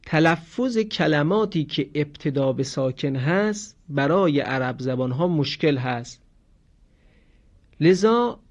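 A man teaching a grammar lesson slowly and clearly, stopping to sound out words as examples. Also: on the high side. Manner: slow, explanatory, demonstrates pronunciation. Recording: dull lo-fi recording.

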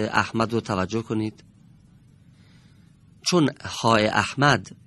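A man teaching a reading lesson in a broadcast studio. He explains patiently and draws out each example word slowly. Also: lowish voice, a bit bright. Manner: patient, deliberate explaining with drawn-out example words. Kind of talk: televised classroom lesson.

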